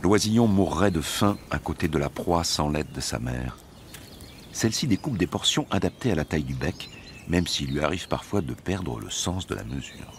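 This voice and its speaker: A man with a low-pitched voice narrates a nature documentary. His scripted delivery is measured and tells a story, with lively, wide-moving intonation. Faint birdsong and outdoor ambience sit behind him. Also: a little hiss or hum.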